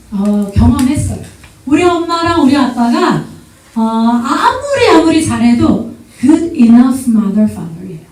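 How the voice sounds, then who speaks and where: A woman with a high but mellow voice gives a church seminar talk as a guest lecturer. She tells stories with lively energy, laughing and acting out little exchanges. She sounds far from the mic in a very echoey church hall. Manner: lively storytelling, often laughing and acting out quotes.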